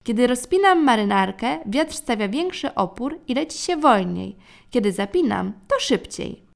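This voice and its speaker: Grumpy cautious dad from a kids story, lady reading, loud fussy exclaiming, slightly gravelly. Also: on the high side, big pitch swings, normal speed. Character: grumbling, cautious father who warms up.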